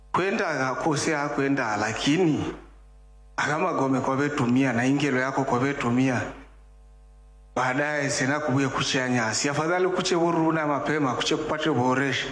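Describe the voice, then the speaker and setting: A man slowly giving a church testimony to the congregation, deliberate and growing joyful. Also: mid-range voice, a bit bright. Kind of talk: slow spoken testimony to a congregation. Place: large echoing church hall. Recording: echoey church hall with crowd noise.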